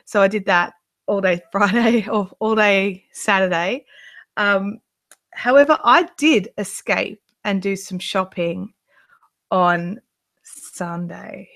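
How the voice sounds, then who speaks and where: A yarn dyer and vlogger in her thirties sits on her living room couch before the camera, rambling through a live show-and-tell with many ums and restarts while gushing over yarn. Her voice is medium-pitched, slow, and fairly bright.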